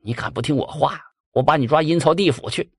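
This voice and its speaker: A man's voice: a little high, fairly quick, husky, no echo, studio quality. A man voicing a mischievous male ghost who loves opium, hearty and bossy. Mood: menacing.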